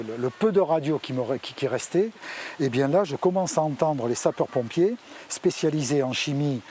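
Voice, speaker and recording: A male fire officer recounts what he witnessed in a mid-range voice. His phrasing is halting, with words repeated as he goes. Faint ambient vehicle noise sits behind him. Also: mid-range voice, warm tone. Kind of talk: recounting a testimony.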